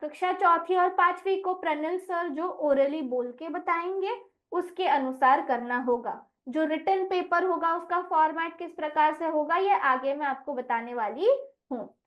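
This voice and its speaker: A woman teacher giving an online lesson, saying each word slowly and spelling it out letter by letter. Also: sits high, dull audio. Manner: slow, deliberate, spells words out letter by letter. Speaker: English teacher.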